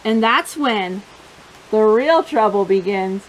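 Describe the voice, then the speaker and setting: A woman reads a picture book during children's storytime, taking it slowly in a medium-pitched voice that's playful, expressive, and sing-song as she talks to the little ones. The audio is poor, with a little hiss or hum.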